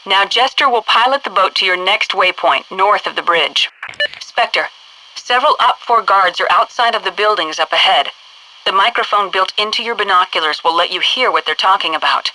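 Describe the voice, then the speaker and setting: For a video game, an actress voices a stern military headquarters instructor delivering crisp, commanding tutorial orders across a noisy, radio-like channel. She speaks in a mid-range voice that is pushed, bright, and lightly acted, keeping a brisk, instructive mood.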